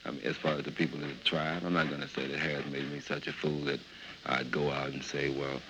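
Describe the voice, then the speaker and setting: Very deep, gravelly man's voice. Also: flat delivery, brisk, background noise. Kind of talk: casual interview talk.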